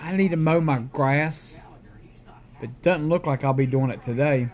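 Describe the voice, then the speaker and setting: A man's voice: a little high, unhurried, a little mellow. A middle-aged man, chatting casually and rambling to camera in a folksy, talkative way. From West Virginia. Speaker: vlogger.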